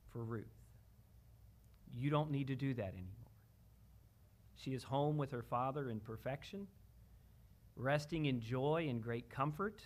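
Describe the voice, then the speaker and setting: A man serving as pastor, giving a memorial service address in a church in a gentle, measured way with light humor. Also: mid-range voice. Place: church sanctuary.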